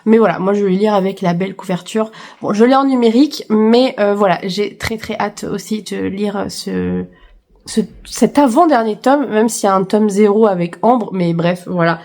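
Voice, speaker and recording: A woman's voice: medium pitch, moderate pace, darkish tone. A woman book vlogger chatting casually about her reading plans, enthusiastic, with frequent hesitations and repeated words.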